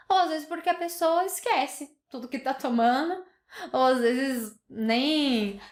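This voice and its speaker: Brazilian woman doctor, high voice, echoey room. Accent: Brazilian Portuguese. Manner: explanatory, with many fillers and restarts. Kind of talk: educational talk.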